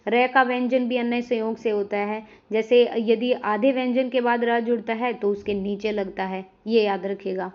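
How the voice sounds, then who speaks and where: Female online grammar teacher, fairly high voice, patient step-by-step explainer, muffled lo-fi sound. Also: little pitch movement, moderate pace, hardly any pauses. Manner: explains step by step, addresses viewers directly. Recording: dull lo-fi recording.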